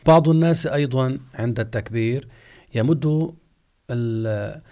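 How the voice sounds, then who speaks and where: In a question-and-answer religious lesson, a male Islamic scholar of jurisprudence works through rulings at a slow, deliberate pace, stretching out example words as he pronounces them. He has a mellow, mid-range voice.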